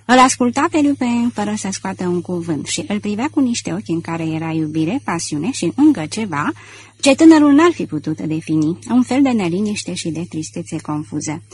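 A woman narrating an audiobook in a steady, measured way. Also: fairly low pitch, slight background noise. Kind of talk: scripted narration.

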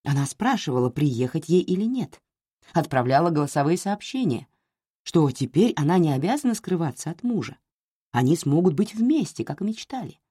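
Low-voiced woman narrating a novel. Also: very animated, moderate pace, dark tone, slightly rough, no room sound, studio quality. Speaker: audiobook narrator.

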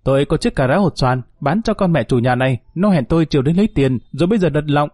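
A man's voice: a little high, lively intonation, quick pace, darkish tone, no echo, studio quality. Man voicing the bitter, wronged thief Chót. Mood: indignant. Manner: indignant, aggrieved outbursts.

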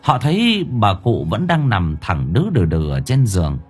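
A man narrating a horror audiobook in a dramatic, drawn-out storytelling manner. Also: lowish voice, very animated, slightly rough. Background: faint music.

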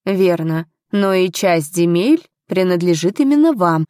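A formal, matter-of-fact nobleman investigator, read by a woman, courteous and businesslike. The voice is warm and mellow, recorded close and dry like a storybook reading. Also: lowish voice, expressive, a little slow, no room sound.

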